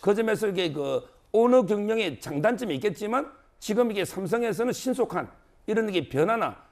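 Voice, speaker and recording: High-pitched male lawyer, filler-heavy. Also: animated, fairly quick, a little mellow. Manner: explanatory, heavy use of filler words, repeats key phrases. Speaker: lawyer panelist. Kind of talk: TV panel commentary.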